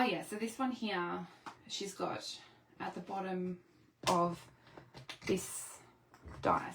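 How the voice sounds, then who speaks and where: A woman's voice: fairly low pitch, creaky, a bit bright, a little hiss or hum, poor audio. A woman demonstrating papercraft in a casual tutorial, chatty and rambling, often breaking off mid-thought. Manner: rambling, chatty, self-interrupting. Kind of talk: casual craft tutorial chat.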